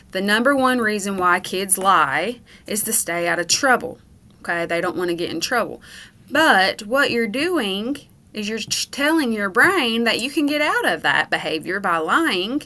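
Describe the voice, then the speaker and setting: A school educator with a sharp-toned, mid-range voice teaches children a character lesson. She explains patiently and adds "okay?" after almost every point.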